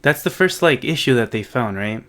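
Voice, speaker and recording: A man's voice: medium pitch, expressive, moderate pace, a bit bright. A man hosting an informal coding video, thinking aloud and often checking in with the viewer as he explains. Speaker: host of a coding project video series. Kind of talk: casual unscripted tech walkthrough.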